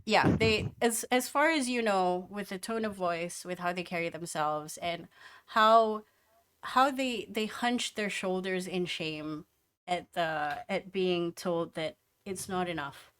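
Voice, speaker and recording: A woman running a tabletop game, narrating the scene in a relaxed, hesitant way with frequent fillers. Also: lowish voice, slow pace, clear, resonant tone. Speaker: game master.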